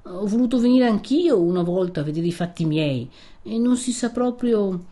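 A woman's voice: mid-range voice, animated, moderate pace, warm tone, voice pushed up, close to an everyday voice. A woman voicing a stubborn young peasant man who keeps pressing with urgent questions. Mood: insistent.

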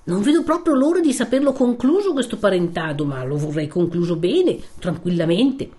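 A woman's voice: mid-range voice, sing-song, moderate pace, mellow, close to an everyday voice. A woman reading aloud, voicing a timid, fussy old village priest who talks in a worried, wordy, cautious way. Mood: fretful. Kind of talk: reading a classic novel aloud.

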